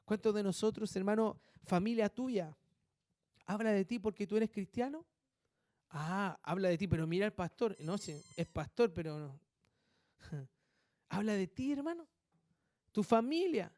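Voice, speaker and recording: A male pastor preaching a sermon, with animated delivery and muttered asides that mimic gossip. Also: sits high, a little slow, pauses often, dry recording.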